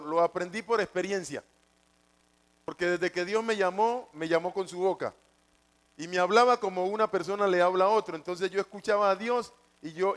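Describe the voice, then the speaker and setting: A man's voice: sits high, fairly bright tone. A man preaching a sermon, repeating his points and putting questions to the congregation. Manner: repetitive, asks the congregation questions.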